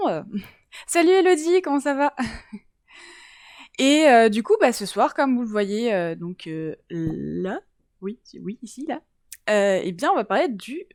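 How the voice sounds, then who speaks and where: A woman's voice: on the high side, very animated, unhurried, a little mellow, no room sound, studio quality. A woman from around Toulouse hosting a casual science live-stream, chatty and giggly, greeting viewers in the chat.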